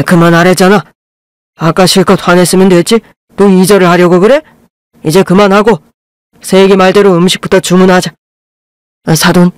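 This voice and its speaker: A woman voicing a gentle, kindly middle-aged father-in-law who speaks mildly to calm others. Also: lowish voice, no echo, close to an everyday voice. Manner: mild, placating.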